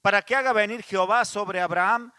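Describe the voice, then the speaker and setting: Bright-voiced Rioplatense pastor preaching. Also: male voice, high voice, brisk, smooth, dry recording. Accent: Rioplatense Spanish. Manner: conversational preaching, frequent restarts and asides. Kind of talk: sermon.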